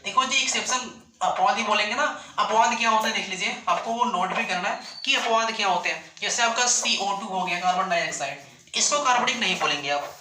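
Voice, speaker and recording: High-voiced male teacher in echoey classroom. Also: fairly quick, bright, forceful tone, a little hiss or hum. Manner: asks the class questions and answers them himself, repeats points. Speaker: coaching class chemistry teacher. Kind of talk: classroom lecture. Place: classroom with students. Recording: echoey classroom with student chatter.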